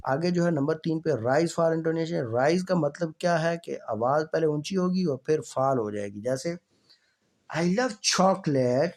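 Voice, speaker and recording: Male teacher, slow deliberate explainer, stretches out the example sentences. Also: medium pitch. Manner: slow, explains step by step, reads examples aloud drawn out. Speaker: English teacher. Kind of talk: recorded lecture over slides.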